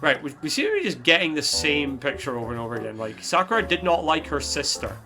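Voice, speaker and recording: Man, let's play commentary, halting with fillers, crude humor, lively pitch, game music underneath. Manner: hesitant, filler-heavy, crude joking. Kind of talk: casual gaming commentary.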